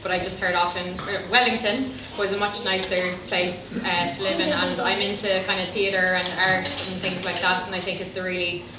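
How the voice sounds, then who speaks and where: A young woman with a Cork Irish accent talks in a rambling, chatty way, with plenty of ums between her thoughts. She is recorded in a busy function room, heard from some distance off the mic. The room is echoey, and a steady noise sits underneath her. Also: lowish voice, moderate pace, few pauses. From Ireland (Cork). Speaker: interview guest. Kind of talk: casual chat.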